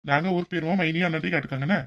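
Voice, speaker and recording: Woman doing a deep-voiced polite father. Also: fairly even intonation, very fast, fairly bright tone, muffled recording. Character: groom's father, middle-aged man, agreeable.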